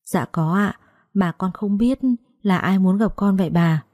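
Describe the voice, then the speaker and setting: A woman's voice: medium pitch, steady tone, unhurried, a little mellow, no room sound, natural voice. A woman voicing a frightened young woman who asks trembling, broken questions. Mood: shaken, tearful.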